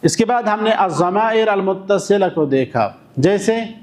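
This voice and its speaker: A man teaching an Arabic grammar lesson in a classroom, speaking slowly and deliberately and drilling words by repeating them. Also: high voice, animated, darkish tone. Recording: echoey room.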